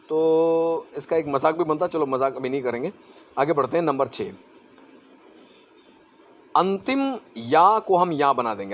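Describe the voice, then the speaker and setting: A man's voice: medium pitch, a little hiss or hum. A man teaching Hindi grammar to exam students in a conversational way, with an Assamese-influenced accent, repeating words and asking and answering his own questions.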